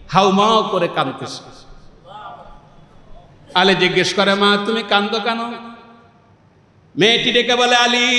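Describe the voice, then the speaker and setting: A male preacher with a Bangladeshi Bengali accent tells a story in a chanting, sing-song sermon style, breaking into loud cries. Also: high voice. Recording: echoey hall, long reverb.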